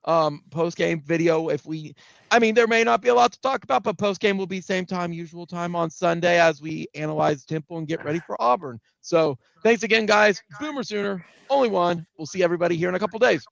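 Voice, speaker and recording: Man, sports show host, gravelly fry in the voice, a bit high, muffled dry video-call sound. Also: a little fast, fairly bright tone, no echo. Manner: loose, joking, wraps up the show. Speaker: podcast host. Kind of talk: casual sports chat.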